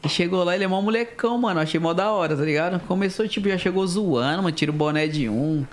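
A man's voice: sits high, quick pace. A young man with a São Paulo Brazilian accent chatting casually as a podcast guest, in very slangy speech full of repeated tags. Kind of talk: casual chat. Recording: clear ambient background noise.

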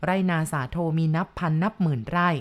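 Woman, horror novel narration, measured and dramatic, somewhat low voice. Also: muffled recording. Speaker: storyteller.

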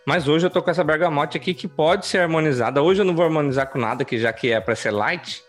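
A man from co-hosting a podcast, explaining things in a relaxed way with stumbling restarts. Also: on the high side, fast talker, faint music behind. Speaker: podcast co-host. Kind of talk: casual chat.

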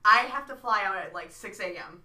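A woman teacher telling a story in a casual chat, getting excited and exclaiming. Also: mid-range voice, fairly quick. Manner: animated, builds to excited exclamations. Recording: roomy sound from a distant mic, faint noise.

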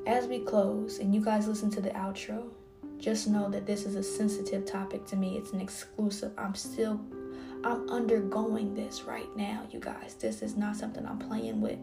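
A woman in her twenties hosting a podcast, preaching with passion and dropping now and then into soft whispers. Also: mid-range voice, flat delivery, moderate pace. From Texas. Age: 20s. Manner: impassioned, swings between soft whispers and fervent outbursts. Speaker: podcast host. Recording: music playing underneath.

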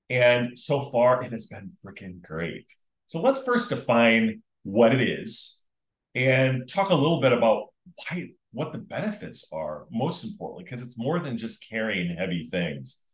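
A man hosting a casual solo podcast, talking enthusiastically and chattily to his listeners, whom he calls friends. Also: lowish voice. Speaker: podcast host. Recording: roomy echo.

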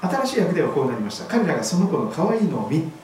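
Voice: mid-range voice, sing-song, very fast, darkish tone, a little hiss or hum. A pastor giving a sermon, telling a scripture story vividly. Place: church hall. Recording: very echoey hall, voice far from mic.

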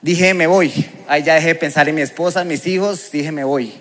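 A man's voice: fairly high pitch, brisk, a bit bright. A man with a Colombian accent giving a personal testimony as a preacher, telling it vividly and with emotion. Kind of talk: testimony sermon.

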